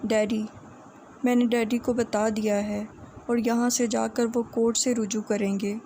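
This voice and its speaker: Brief: woman voicing a firm young heroine, level and even delivery. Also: on the high side, slight background noise, lightly acted. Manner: firm, hesitant pauses. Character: young woman, determined and proud.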